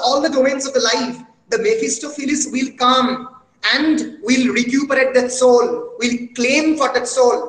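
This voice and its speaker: Man, high voice, literature lecture, many "uh" fillers, roomy echo. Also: fairly bright tone. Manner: recites quotations with feeling. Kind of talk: online lecture mixing Bengali and English.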